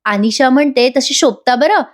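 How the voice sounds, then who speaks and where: A woman voicing a lively, outspoken young wife. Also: sits high, moderate pace, close to an everyday voice. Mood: bubbly. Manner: bubbly, outspoken.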